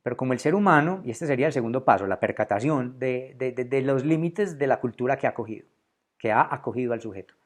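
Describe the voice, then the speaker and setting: Likely a man, he lectures alone on philosophy to the camera at a fast clip, his medium-pitched voice expressive. Thoughtful and searching, he keeps restarting phrases and repeating words as he gropes for the right term.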